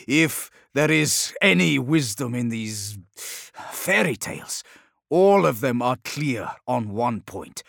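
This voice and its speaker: A man reading an audiobook voices a hard-bitten male soldier who makes clipped, forceful demands. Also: medium pitch, expressive, slow pace, vocal fry, no room sound, studio quality, exaggerated voice. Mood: wary. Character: wary, hard-bitten male space marine officer. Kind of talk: audiobook character voice.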